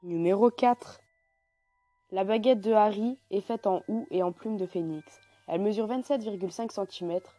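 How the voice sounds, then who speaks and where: A young woman, casually running through numbered facts in a fan vlog, chatty and a little halting. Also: mid-range voice, mellow, dry recording, soft background music. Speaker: youtuber.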